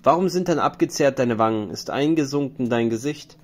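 A man's voice: mid-range voice, expressive, a little fast, natural voice. A man reading a probing old ferryman. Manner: probing, grave questions. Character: questioning male ferryman of the dead sea.

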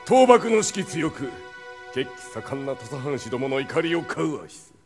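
A man's voice: medium pitch, sing-song, normal speed. An actor playing a stern male feudal lord who speaks in a formal, declamatory, commanding way, on a stage recording with music.

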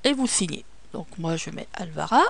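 Woman with gravelly fry giving steps. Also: sits low, animated, moderate pace. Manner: step-by-step instructions with frequent fillers. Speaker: tutorial presenter. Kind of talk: screen-recorded software tutorial.

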